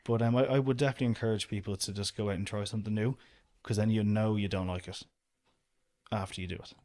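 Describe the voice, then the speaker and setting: A man's voice: on the low side, fast. A young Irish man, an outdoor business owner, talking casually and rambling as a podcast guest. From Ireland. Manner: relaxed, rambling, lots of "do you know". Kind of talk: casual interview chat.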